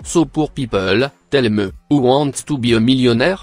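A man's voice: medium pitch, normal speed, darkish tone, faint music behind, natural voice. A man voicing a pompous, mocking, foul-mouthed host of a cartoon parody game show. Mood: sneering showmanship.

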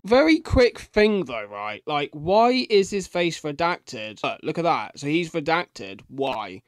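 Indoors at his desk, a thirty-something man reacts to content, musing and speaking informally to viewers as a reaction video host. He talks slowly in a slightly high, sing-song voice, recorded dry with studio quality.

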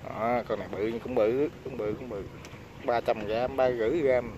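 Excitable Southern Vietnamese fishing vlogger. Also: male voice, medium pitch, moderate pace, noisy background. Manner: bursts into loud exclamations when landing fish. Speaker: fishing channel host. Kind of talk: excited fishing vlog commentary. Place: on a floating raft on a river outdoors.

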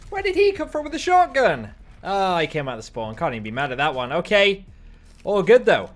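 A young man streaming, giving excitable running commentary on his gameplay from a close mic. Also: sits high, brisk, faint music behind. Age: young adult. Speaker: gaming streamer.

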